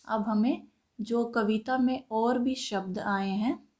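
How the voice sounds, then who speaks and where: A woman teaching a school textbook lesson, reading lines aloud and then explaining each word slowly and deliberately. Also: fairly high pitch, fairly even intonation, darkish tone.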